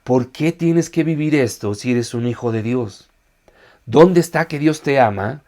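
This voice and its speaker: A preacher voicing a taunting Satan. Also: male voice, mid-range voice, a little mellow, close to an everyday voice. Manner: rapid taunting questions. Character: Satan whispering doubts, male, insidious.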